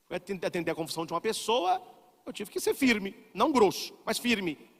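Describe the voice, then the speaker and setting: A man's voice: high voice, fairly quick, creaky. A man preaching as a priest, delivering a dramatic sermon. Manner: animated, dramatic preaching that acts out quoted voices. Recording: long reverb of a large hall.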